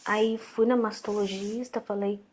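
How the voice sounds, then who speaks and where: A woman's voice: mid-range voice, a little slow, slight background noise. A woman in her thirties with a Brazilian Portuguese accent, a guest telling a personal story in conversation, acting out the dialogue she recounts and often restarting her sentences. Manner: animated, acts out quoted dialogue, frequent restarts.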